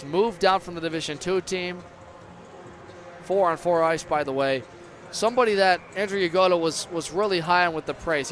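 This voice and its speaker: High-pitched man calling hockey over noise. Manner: erupts into excited shouts on big plays. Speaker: play-by-play ice hockey commentator. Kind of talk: live sports commentary. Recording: clear background noise.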